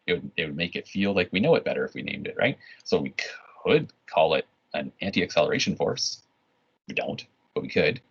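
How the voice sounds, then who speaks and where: A man's voice: extremely low pitch, a bit bright, husky. A man teaching an online physics lesson in a casual, rambling way, full of restarts and "right?" checks. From Canada. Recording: dull lo-fi recording.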